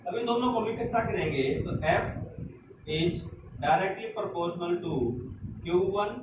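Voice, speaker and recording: A man teaching a physics lesson with an Indian accent, mixing Hindi and English, dictating slowly and asking students quick check questions. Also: high-pitched. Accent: Hindi-English mix, Indian. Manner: addresses students as "beta", asks rhetorical check questions. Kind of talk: classroom lecture, dictating notes slowly. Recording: distant echoey classroom with noise.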